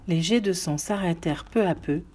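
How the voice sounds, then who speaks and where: Woman reading a story out loud, kinda low dark voice, husky, measured and expressive.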